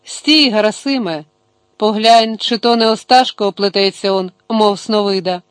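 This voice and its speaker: A man's voice: high-pitched, steady tone, measured pace, fairly bright tone, clear, resonant tone, no echo. A man voicing a middle-aged male boyar who talks in a teasing, commanding way.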